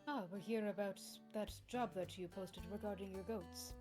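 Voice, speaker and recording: A woman's voice: medium pitch, fairly even intonation, moderate pace, music in the background. A woman playing in a tabletop game, talking in a dry, easygoing way. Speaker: player. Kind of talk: tabletop role-play chat.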